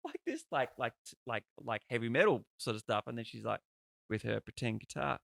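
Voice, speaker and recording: A man hosts a podcast interview, his voice gravelly and forceful. He talks in a loose, rambling way, swearing casually. The sound is dry and close. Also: mid-range voice, fairly even intonation, brisk, no room sound. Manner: chatty, rambling and peppered with swearing. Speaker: podcast host.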